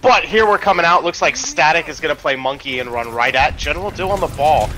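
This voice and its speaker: A man's voice: a little high, animated, fast, sharp tone. A man casting an amateur video game match with playful, rambling play-by-play commentary full of ums. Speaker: esports caster.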